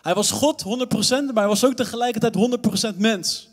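A young man, a youth pastor with a Dutch accent, preaching a lively sermon with playful asides to the audience. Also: very high voice, brisk. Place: church hall. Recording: long reverb of a church hall.

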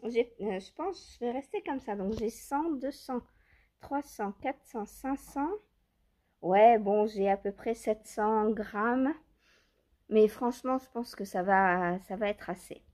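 A knitting vlogger with a fairly high, slow voice and a darkish tone chats casually to viewers while choosing yarns at home among her stash. Filming on a handheld phone, she muses aloud hesitantly, full of fillers and questions to herself.

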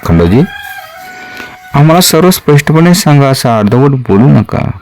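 A man's voice: mid-range voice, big pitch swings, normal speed, darkish tone, slight background noise, pitched above the performer's own voice. A man reading a story aloud and voicing a stern, commanding warrior king with firm authority. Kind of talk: dramatic storytelling.

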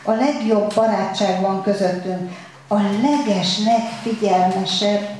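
A woman's voice: mid-range voice, steady tone, darkish tone, slight background noise, close to an everyday voice. A frightened pleading man, as a woman reads him aloud. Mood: anxious pleading. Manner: anxious, pleading, whispery. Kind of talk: read-aloud story. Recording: very echoey room, faint ambience.

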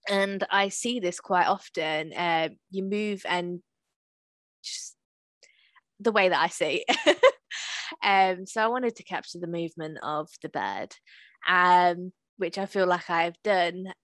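A woman's voice: fairly low pitch, expressive, slow pace, fairly bright tone, no room sound. A woman co-hosting an art podcast over a video call, talking through her artwork in a rambling, reflective way with lots of fillers. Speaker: podcast co-host and artist. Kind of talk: casual talk about her artwork.

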